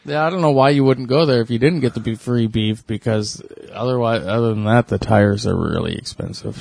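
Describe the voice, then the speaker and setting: A man's voice: medium pitch, brisk, creaky, a little mellow, a little hiss or hum. A man co-hosting a podcast, chatting casually and meandering with lots of fillers and hedges. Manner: meandering, hedging talk with many fillers. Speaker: podcast co-host. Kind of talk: casual chat.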